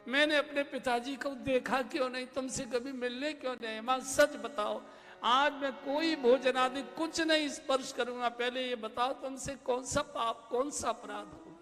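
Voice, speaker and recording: A man's voice: very high voice, steady tone, normal speed, fairly bright tone. A male storyteller voicing an earnest, sensitive small boy who questions and pleads with his mother. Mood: pleading. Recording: reverberant hall with instrumental music.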